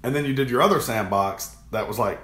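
A man's voice: medium pitch, a little fast, fairly bright tone. A young man co-hosting a casual gaming chat, rambling and enthusiastic, often repeating his words. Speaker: co-host of a gaming channel. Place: home room, games on the shelf behind. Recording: echoey room.

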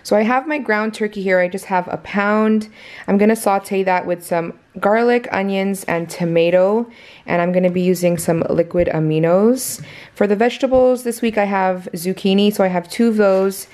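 A cooking vlogger with a lowish, darkish voice chats casually through her weekly meal prep. She explains each step to viewers as she cooks in her home kitchen.

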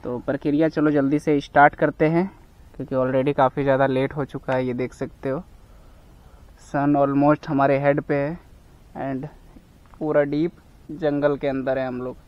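A man's voice: medium pitch, level tone, moderate pace, highs cut off. A young man from India chats to viewers while camping and cooking outdoors in a forest. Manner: chatty, addresses viewers as guys. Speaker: camping vlogger. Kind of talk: casual vlog narration.

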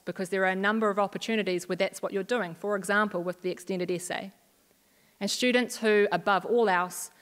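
New woman, school coordinator, mid pitch, measured delivery, lectern mic in a reverberant hall. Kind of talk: presentation to parents and students.

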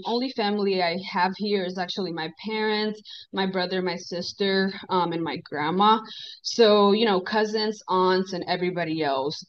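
Twenties woman guest, easygoing and friendly, lots of um, lo-fi laptop mic audio. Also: lowish voice. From Dominican Republic. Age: 20s. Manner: friendly, relaxed, frequent "um". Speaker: guest, esthetician. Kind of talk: casual interview chat. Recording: dull video-call audio.

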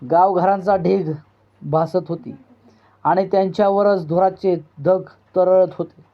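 Higher-pitched man reading a novel aloud. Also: highs cut off. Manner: measured, literary storytelling delivery. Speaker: narrator.

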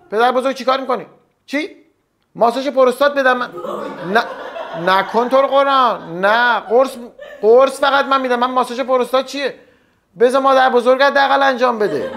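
A young man hosts a comedy show with a strikingly high-pitched voice. He runs a satirical stand-up monologue full of teasing jokes and quick asides. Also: noisy background.

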